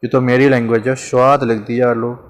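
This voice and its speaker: Teaching Hindi grammar, this man keeps things informal and talkative, posing questions he then answers and going over examples more than once. He speaks a little fast, his medium-pitched voice staying level.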